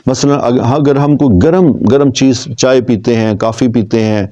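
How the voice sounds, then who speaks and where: A patient male tajweed teacher with a mellow, warm tone who draws out each letter sound slowly so learners can copy it. The recording sounds slightly dull and lo-fi. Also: medium pitch. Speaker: Quran recitation teacher. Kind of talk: tajweed lesson.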